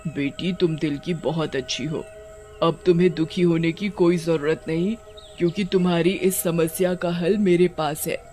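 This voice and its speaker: A man voicing a gentle river witch. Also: fairly high pitch, fairly even intonation, normal speed, soft background music, natural voice. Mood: soothing. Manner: gentle, soothing, motherly. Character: kindly old female river witch.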